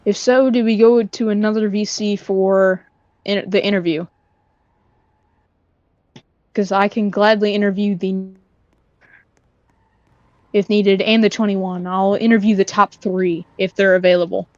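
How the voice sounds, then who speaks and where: A woman giving casual live commentary on an online sim race, repeating herself and quick to get excited when the racing tightens. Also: mid-range voice, no room sound. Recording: dull lo-fi stream mic.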